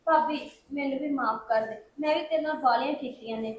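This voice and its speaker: A woman playing a rapid, high-voiced sorry sister-in-law, Punjabi accent. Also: roomy sound, lo-fi sound, a little hiss or hum, natural voice. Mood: contrite. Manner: contrite. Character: contrite younger sister-in-law, young woman. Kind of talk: Punjabi short film acting.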